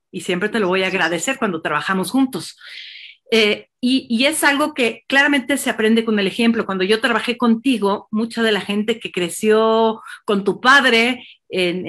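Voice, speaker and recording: A woman's voice: a little high, fairly bright tone. A Mexican woman hosting a virtual book presentation, effusive and rambling, with many fillers. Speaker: host.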